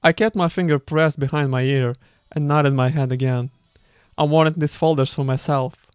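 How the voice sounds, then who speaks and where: A man's voice: a little high, fairly even intonation, moderate pace, smooth, no room sound. Man, reader, book read-aloud with asides, stumbling, dry close sound. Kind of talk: reading a book aloud with commentary.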